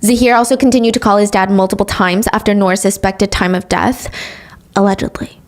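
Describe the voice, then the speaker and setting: A podcast host retells a true crime case in casual chat, adding sarcastic asides. Her voice is mid-range, steady and brisk. She grew up speaking English and also speaks Korean.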